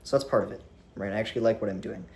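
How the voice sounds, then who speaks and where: Lively young man chatting at the camera. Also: on the low side, rapid-fire, a little hiss or hum. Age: young adult. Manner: animated, swearing, rambling with restarts. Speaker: vlogger. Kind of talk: casual talk to camera. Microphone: camera on tripod.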